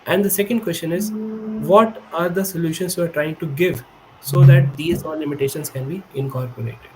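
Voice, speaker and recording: An Indian PhD student in his twenties, a native Hindi speaker, joins a remote podcast interview over video call from an indoor room with a high-backed chair. His voice is on the high side and brisk, with background noise, and he explains things earnestly, often correcting himself mid-sentence.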